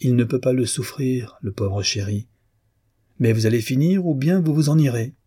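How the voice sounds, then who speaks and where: A man's voice: medium pitch, moderate pace, warm tone, slightly rough, voice pushed up, close to an everyday voice. A man voicing an irate older landlady who scolds her tenants in a raised, indignant voice. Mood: scolding.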